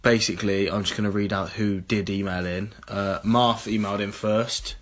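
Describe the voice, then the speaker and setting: A man's voice: lowish voice, steady tone, moderate pace. A man, co-hosting a casual podcast chat, rambling and laughing often as he reads out listener emails. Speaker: podcast co-host.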